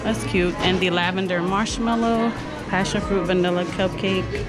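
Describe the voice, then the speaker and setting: A woman casually vlogging while shopping in a store, rambling and pointing out prices, with loud store music behind her. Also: mid-range voice, steady tone, moderate pace, poor audio. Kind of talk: casual shop-with-me vlog. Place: inside a busy retail store. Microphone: handheld camera.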